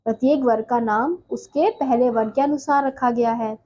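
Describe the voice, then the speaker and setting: A woman's voice: a little high, normal speed, warm tone, muffled recording. A woman teaching a Hindi grammar lesson, who asks her class questions and answers them herself.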